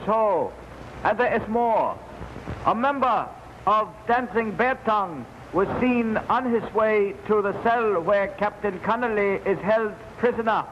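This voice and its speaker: A man's voice: high voice, measured pace, a little hiss or hum. An actor playing a servile male henchman who speaks deferential broken English, heard on a dull, echoey 1950s TV broadcast recording. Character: servile male henchman reporting to his master. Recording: muffled old TV soundtrack with hall reverb.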